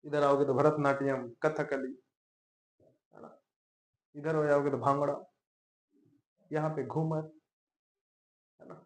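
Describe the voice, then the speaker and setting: A man gives a classroom lecture in an easy, conversational way. He keeps checking in with his students through quick questions. His voice sits a little high and rings in a roomy, echoey space. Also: little pitch movement. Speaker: teacher. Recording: echoey room.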